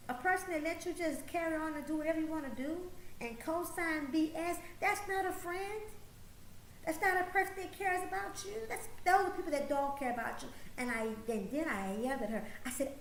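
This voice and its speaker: A woman in her late forties hosts a motivational talk show monologue, her high-pitched voice lively in intonation and moderate in pace. She lectures emphatically, repeating points for stress, in a roomy, echoing space with faint ambience and slight hiss.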